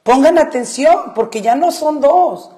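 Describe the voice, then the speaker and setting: A woman's voice: high voice, animated, unhurried, warm tone. A woman co-hosting a faith-based marriage advice talk show, explaining Bible verses emphatically and repeating her points, with English fillers slipped into her speech. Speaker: radio co-host.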